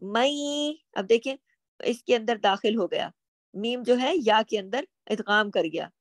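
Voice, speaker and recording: A woman's voice: mid-range voice, measured pace, dry recording. A woman teaching Quran recitation rules, stretching out example words and then explaining them.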